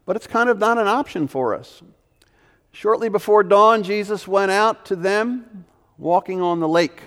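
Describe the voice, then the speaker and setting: Man preaching with a raspy edge, urgent then hushed, lively reverb of a large church. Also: sits high, unhurried. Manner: emphatic preaching with sudden loud and hushed turns. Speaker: pastor. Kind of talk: sermon.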